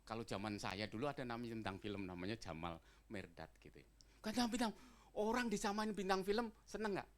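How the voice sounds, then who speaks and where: A man's voice: mid-range voice, a little fast. A male pastor, preaching a sermon and acting out everyday dialogues in casual slang. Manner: lively preaching, swings between loud calls and quiet asides; acts out little dialogues with casual Jakarta slang. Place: church service.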